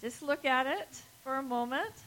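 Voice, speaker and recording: A woman's voice: high-pitched, expressive, moderate pace, a bit bright. A woman giving a children's sermon in the manner of a kids' show host, asking simple questions and leaving time for answers. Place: large church sanctuary, before a congregation.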